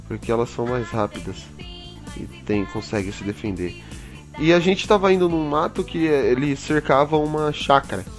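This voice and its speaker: A young man casually telling a story to friends over voice chat, acting out his own panic. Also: a little high. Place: home, online voice chat.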